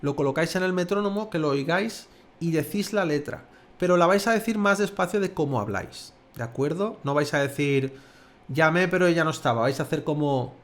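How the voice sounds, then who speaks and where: Chatty Spanish man teaching songwriting. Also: a little high. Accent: Spanish, from Valencia. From Spain. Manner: chatty, demonstrative, sings and speaks lyrics slowly in rhythm. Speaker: music theory teacher. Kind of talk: casual video lesson.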